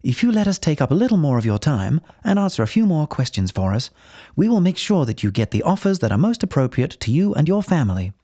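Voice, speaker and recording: A man's voice: fairly high pitch, sing-song, fast, dark tone, no room sound. A man reading a scripted installation tutorial in a chatty, reassuring, instructive manner, on dull, muffled audio. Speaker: instructional video narrator.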